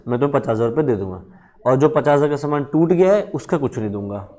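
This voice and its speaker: A male teacher acting out a stubborn buyer who refuses to pay, in a flat, dismissive, low voice. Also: fast talker, close to an everyday voice.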